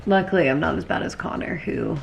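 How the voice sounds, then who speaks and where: A young woman chatting casually to viewers in a home vlog, sounding hungover, tired and low on energy, with a gravelly creak in her voice. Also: huge pitch swings, a little fast, slight background noise. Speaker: vlogger. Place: at home indoors.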